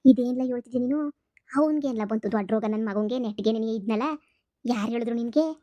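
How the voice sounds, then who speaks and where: A woman's voice: fairly high pitch, fairly even intonation, fast talker, no room sound, close to an everyday voice. A woman voicing a stern, exasperated village mother-in-law in a cartoon comedy, speaking. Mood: scolding. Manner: sharp, scolding, exasperated.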